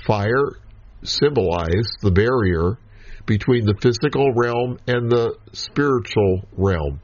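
A man gives a Bible study lecture in a slow, measured way, leaving pauses between short phrases. His voice sits fairly low, and the recording sounds dull and lo-fi. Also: dry recording. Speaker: Bible teacher.

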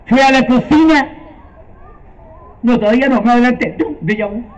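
Man, Chilean accent, live storyteller, playful and animated, very high voice, muffled lo-fi recording. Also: moderate pace. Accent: Chilean Spanish. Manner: playful, animated, quizzes listeners.

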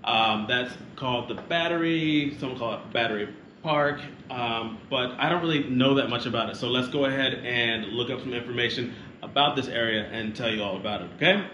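A medium-pitched man speaks at normal speed on a family travel vlog, with lo-fi sound in an echoey room full of steady background noise. He reads facts aloud and jokes playfully, teasing a child.

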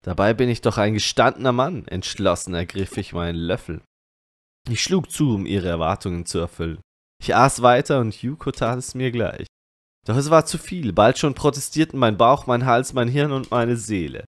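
A man reading game dialogue and narration aloud as a let's player, lively and shifting between characters' lines. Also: medium pitch, moderate pace, dry recording.

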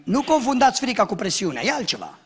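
Animated high-voiced pastor preaching. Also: male voice, husky, faint music behind. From Romania. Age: young adult. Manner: animated storytelling, acts out shouts and dialogue, jokes. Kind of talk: sermon.

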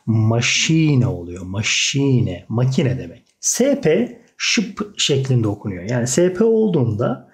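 A man leads a German lesson with a lively, rising-and-falling delivery. He explains patiently and repeats each example word slowly, addressing his listeners as friends. His pitch sits in a middle register. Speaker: German language teacher. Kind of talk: online language lesson.

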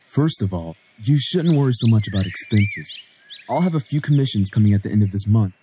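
A man's voice: fairly low pitch, expressive, a little fast, warm tone, slight background noise, lightly acted. A man in his twenties voicing a joking, playful young husband in an indie game, teasing and wisecracking. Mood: reassuring. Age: 20s.

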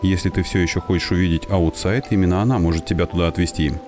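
A man voicing a serene, kindly robot sage from a video game, reading the dialogue in a measured way. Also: sits low, fairly even intonation, music in the background, lightly acted. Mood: calm, welcoming. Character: serene, wise robot in meditation, encouraging mentor.

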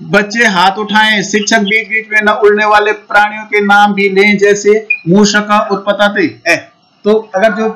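High bright-voiced male children's teacher. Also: monotone, normal speed. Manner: coaxing, repeats prompts and imitates animal sounds. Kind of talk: online Sanskrit lesson for young children.

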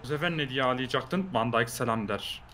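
A man's voice: medium pitch, a little fast, pushed and bright, slight background noise. A young man playing a football video game against a friend, joking, mocking him and cheering on his own players. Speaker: opponent player. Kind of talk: casual gameplay banter.

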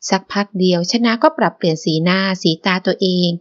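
A woman narrating a romance novel as an audiobook, in a measured storytelling manner. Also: fairly low pitch, fairly even intonation, muffled recording.

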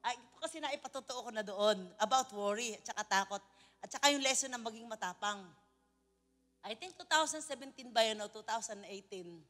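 A Filipino woman preacher giving an animated sermon, telling stories with frequent laughter. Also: a little high, brisk, big-room sound. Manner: animated storytelling, mixing in laughter and English phrases.

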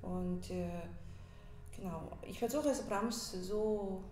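A woman in her forties from South Korea with a Korean accent, a pianist talking haltingly in an interview, searching for her words. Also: medium pitch, dark tone, soft background music. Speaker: pianist guest. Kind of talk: casual interview talk. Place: living room with a piano and plants. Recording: echoey room, faint hiss.

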